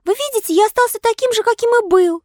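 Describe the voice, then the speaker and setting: Storybook puppet boy, mischievous and eager, shrill childlike exclamations, put on by a woman reader. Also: quick pace, darkish tone, dry recording, clean studio sound. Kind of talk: audiobook character voice.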